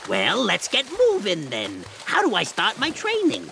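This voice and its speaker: A woman doing a drawling, gravelly ex-referee. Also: medium pitch, huge pitch swings, fairly bright tone, slight background noise, exaggerated voice. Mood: dopey, curious. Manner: slow, drawling, with a gravelly edge and dopey reactions. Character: goofy, long-winded former referee. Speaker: co-host of a kids' story show. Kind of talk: children's audio comedy.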